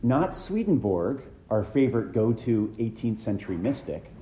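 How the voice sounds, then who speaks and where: A man preaching a measured, reflective sermon as a minister, his phrases trailing off low at the ends. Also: very animated, warm tone, reverberant, highs cut off, slight background noise.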